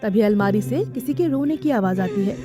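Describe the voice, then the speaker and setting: A woman narrating a scripted animated story in a steady storytelling manner. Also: mid-range voice, normal speed, over music.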